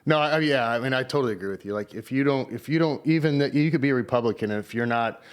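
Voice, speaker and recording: Laid-back halting male host. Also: medium pitch, clear, resonant tone. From Southern Indiana. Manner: halting, relaxed, many fillers and restarts. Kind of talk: casual interview chat.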